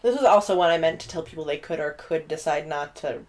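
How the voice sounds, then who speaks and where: A woman's voice: deep voice, fast talker. A woman co-hosting a podcast, chatting casually about tabletop game characters with plenty of fillers. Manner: chatty, warm, frequent fillers and laughs. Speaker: podcast co-host.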